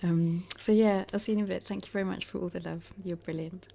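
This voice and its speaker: A woman's voice: lowish voice, steady tone, fast talker, gravelly. A woman hosting a live stream from home over a video call, chatting casually and laughing often. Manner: giggly, warm-toned chatter with frequent laughs. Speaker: host.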